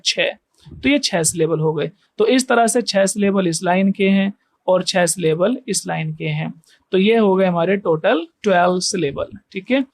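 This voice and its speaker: A man teaching English poetry, patiently counting out syllables one by one and checking in with his listeners as he goes. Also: high-pitched. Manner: slow, patient counting of syllables with frequent "theek hai" checks. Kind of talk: explaining poetry meter step by step.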